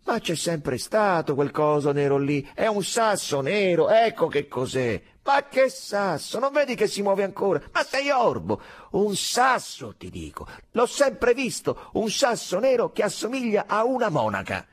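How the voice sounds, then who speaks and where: A man voicing young soldiers who argue loudly and shout. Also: sits high, huge pitch swings, a little fast, husky, pitched above the performer's own voice, full character voice. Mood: quarrelsome. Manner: loud, shouting, quarrelsome. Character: rowdy young male soldiers arguing.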